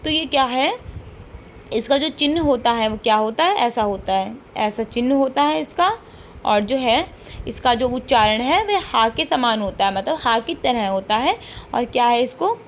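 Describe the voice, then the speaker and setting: A woman's voice: on the high side, a little hiss or hum. A woman teaching an online class, explaining step by step and repeating key points with frequent checks and rhetorical questions.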